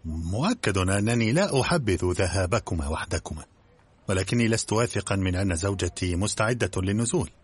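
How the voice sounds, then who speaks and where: A timid middle-aged colonel speaks politely and hesitantly, as a man reads him in an audiobook. His low voice is husky and a little flustered. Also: lively intonation, brisk.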